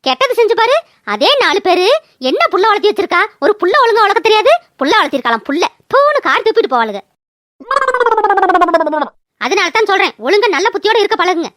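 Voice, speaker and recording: A woman's voice: very high voice, big pitch swings, quick pace, fairly bright tone, no echo, clean studio sound, full character voice. Woman voicing a stern scolding village mother. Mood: stern lecture. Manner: lecturing, scolding. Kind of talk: cartoon voice acting.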